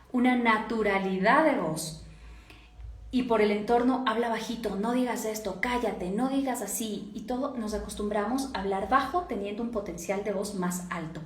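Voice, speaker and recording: A woman with a Latin American Spanish accent teaching a voice course, explaining step by step and often checking that listeners follow. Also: on the high side. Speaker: voice and speaking coach. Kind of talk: instructive course lecture. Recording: echoey room.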